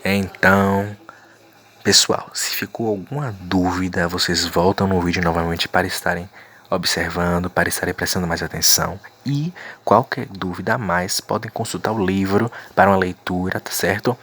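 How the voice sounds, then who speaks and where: A man's voice: low voice, flat delivery, normal speed, a bit bright. A man teaching a recorded video lesson, explaining patiently and checking in often with his students. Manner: explanatory, repeats points with frequent "tá certo?".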